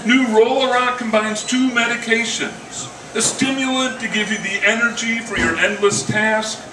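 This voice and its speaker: An older man gives a live poetry reading of his own work at an indoor coffee house, offering casual introductions in a wry, dryly humorous way. His voice is very high-pitched with fairly even intonation and a normal pace, and music plays underneath. A stand microphone was used, but a camera captured it from a distance, so the sound is roomy, distant and noisy.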